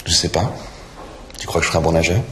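A man's voice: lowish voice, lively intonation, fast, close to an everyday voice. An actor playing a confident grown man who lectures a shy boy about girls in a comedy sketch. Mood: coaching. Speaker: school staff advising a pupil. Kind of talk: sitcom sketch acting. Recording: roomy, some noise.

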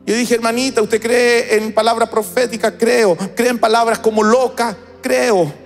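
A high-voiced male preacher delivers an emphatic, chanting sermon in church. He acts out his story with vivid emphasis. Soft music plays faintly behind him. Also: steady tone, normal speed, vocal fry, long reverb tail. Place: church service.

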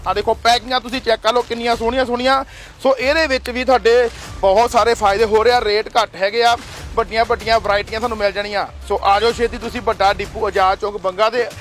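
A man, promoting a textile shop in a pushy way and listing prices quickly. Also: very high voice, a bit bright. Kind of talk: fast sales promo video.

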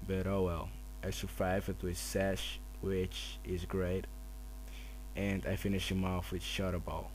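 Hushed, low-voiced man narrating slowly. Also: monotone. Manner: quiet, hushed talking so as not to wake others. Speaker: gamer narrating own battle. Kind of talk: casual game commentary. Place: at home at night, others asleep. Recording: noisy camera mic with hum.

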